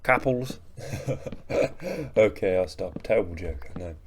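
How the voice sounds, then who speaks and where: In an unhurried, deep voice, a young gaming channel host does a relaxed voice-over of his gameplay, with slight background noise. Rambling and self-mocking, he yawns sleepily between remarks.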